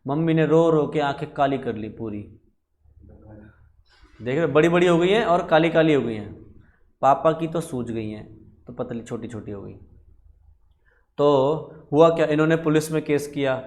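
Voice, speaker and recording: Guy teaching contract law, kinda high voice, tells stories w little voices. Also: lively intonation, a little mellow. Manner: storytelling with quick voiced asides. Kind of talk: casual classroom lecture.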